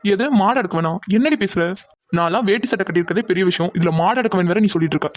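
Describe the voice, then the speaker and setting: A voice actor doing a bossy young cartoon guy, rapid-fire. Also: mid-range voice, natural voice. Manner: bossy, commanding. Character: young man, bossy and protective.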